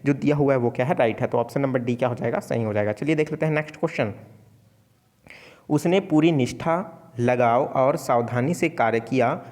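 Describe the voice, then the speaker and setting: A man's voice: mid-range voice, fairly quick, darkish tone, long reverb tail. A man from Chhattisgarh teaching an exam-prep Hindi grammar lesson, speaking casually to viewers as friends and answering his own questions.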